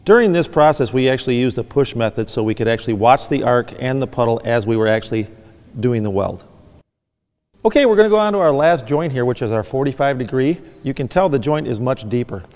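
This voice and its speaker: A man's voice: medium pitch, lively intonation, a little fast, darkish tone, in a large hall. A middle-aged man from Michigan, a fab shop owner giving a plain, practical welding lesson, often saying "actually". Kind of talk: instructional demonstration. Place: large indoor workshop.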